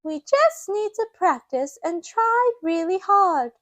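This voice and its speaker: Excitable little pig girl for a storybook, played by a woman: childlike, earnest, very high, dry close sound. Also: slow, dry recording, exaggerated voice. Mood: proud, cheerful.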